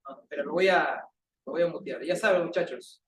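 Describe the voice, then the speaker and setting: A man's voice: fairly high pitch, a little fast. A male teacher with a Peruvian accent, teasing and joking with his students during a classroom lecture. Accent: Peruvian Spanish. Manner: playful, teasing banter with students. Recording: echoey classroom recorded from a distance.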